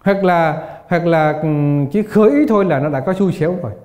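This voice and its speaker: A man's voice: high voice, brisk, darkish tone. An older man giving a Buddhist lecture, often asking his students rhetorical questions and laughing as he tells anecdotes. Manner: asks the class rhetorical questions and laughs while telling stories. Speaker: Buddhist teacher. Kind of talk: dharma lecture. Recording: echoey, dull lo-fi hall recording.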